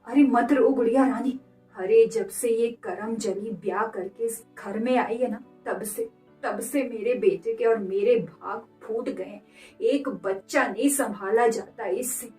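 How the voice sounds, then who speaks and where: A woman's voice: on the high side, measured pace, a little mellow, soft background music, lightly acted. A woman voicing a harsh, scornful middle-aged mother-in-law who scolds shrilly. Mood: scolding. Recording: echoey room, mic at a distance.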